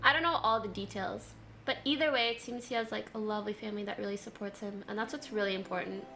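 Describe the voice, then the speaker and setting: A woman's voice: medium pitch, fairly even intonation, fast talker, pushed and bright. A young woman in her twenties chatting and laughing as she reacts to a video on stream, teasing and chatty. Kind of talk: casual reaction commentary.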